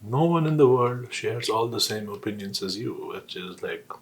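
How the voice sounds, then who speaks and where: A man's voice: on the low side, lively intonation, normal speed. A man on a casual solo rant, talking while eating with his mouth sometimes full, often asking questions and answering them himself. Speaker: vlogger.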